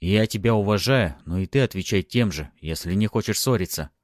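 A man voicing a stern young male bodyguard who talks gruffly and snaps when pushed. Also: fairly low pitch, a little fast, no echo, clean studio sound, close to an everyday voice. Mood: angry. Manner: gruff, snapping.

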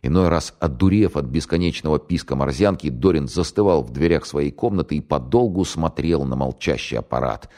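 A man narrating a spy novel in an expressive, wry storytelling manner. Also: extremely low pitch, brisk, few pauses. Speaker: audiobook narrator.

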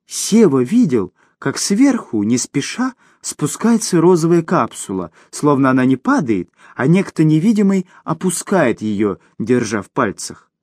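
Male audiobook narrator, expressive, lively pitch, fairly high voice, dry close sound. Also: measured pace, few pauses, no room sound.

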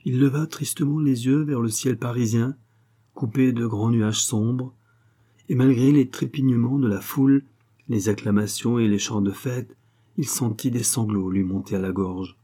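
Husky, dark-voiced male audiobook narrator. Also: mid-range voice, steady tone. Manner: measured, literary reading. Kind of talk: scripted narration.

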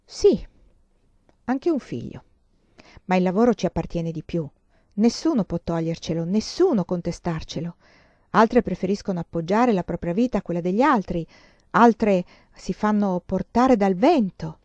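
A woman's voice: mid-range voice, expressive, moderate pace, warm tone, no echo, highs cut off, lightly acted. A woman voicing an intense, earnest young female student with impassioned, emphatic speech in a storybook reading. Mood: firm.

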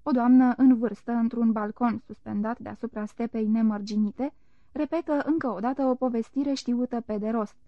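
A woman reading a literary novel aloud in a calm, measured narration. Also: on the high side, dry recording. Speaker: audiobook reader. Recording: dull, dry, lo-fi recording.

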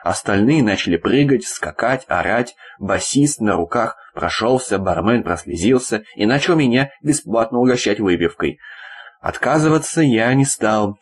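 A man reading a first-person audiobook in a wry, slangy storytelling manner. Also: lowish voice. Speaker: audiobook narrator.

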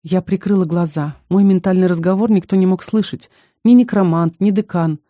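Female audiobook narrator, measured first-person fantasy reading, warm mellow voice, dry studio sound. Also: lowish voice, no room sound.

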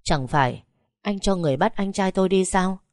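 A woman's voice: medium pitch, fairly quick, darkish tone, no echo, studio quality, natural voice. A woman voicing a hurt young wife who pleads and accuses. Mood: accusing.

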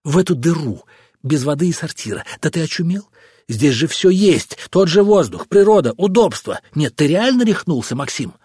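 A man's voice: a little high, lively intonation, moderate pace, darkish tone, breathy edge, no room sound, clean studio sound, voice pushed up. Man voicing a scornful bitter wife. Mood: mocking. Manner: mocking, scolding. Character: scornful middle-aged wife, sharp-tongued and bitter. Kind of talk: audiobook character voice.

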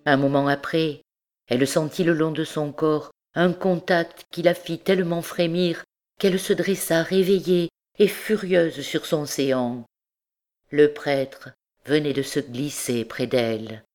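A woman narrates a classic novel in a notably deep voice. She reads slowly and deliberately, with a calm, measured storytelling manner. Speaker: audiobook narrator. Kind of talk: scripted narration.

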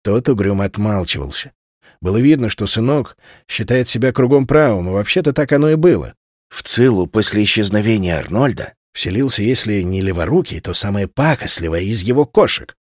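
A man reading a novel aloud as narrator, in an expressive, measured way. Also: on the low side, no room sound, clean studio sound. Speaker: audiobook narrator. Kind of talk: scripted literary narration.

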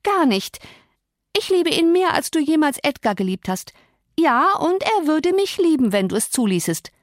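A woman narrator plays a naive, easily wounded young lady in an audiobook. Her lines rise high and reproachful. The recording is dry and close. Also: sing-song, moderate pace, no room sound. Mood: yearning.

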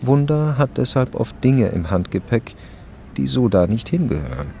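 Gravelly calm male narrator. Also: medium pitch, slight background noise. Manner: calm, measured storytelling. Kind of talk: scripted narration.

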